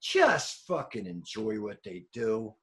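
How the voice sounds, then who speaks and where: A man's voice: fairly low pitch, sing-song, slow pace. A man co-hosting a casual podcast chat about movie trailers, emphatic and swearing freely. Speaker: podcast co-host.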